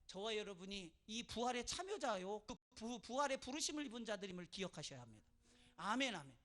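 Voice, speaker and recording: A man, a pastor, preaching a sermon. He moves from soft storytelling to loud preaching and keeps asking the congregation for an amen. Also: high voice, big pitch swings, brisk. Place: church.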